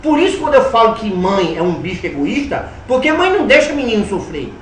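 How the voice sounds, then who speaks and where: A man delivers a spiritist lecture as a lively, humorous storyteller. His pitch leaps up and down expressively. He sounds some way off from the mic, in a roomy, echoing hall with faint ambience behind him. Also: fairly quick, distant mic, a little hiss or hum. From Alagoas, Brazil. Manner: animated, humorous storyteller with dramatic swings in loudness. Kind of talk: spiritist lecture with personal anecdotes.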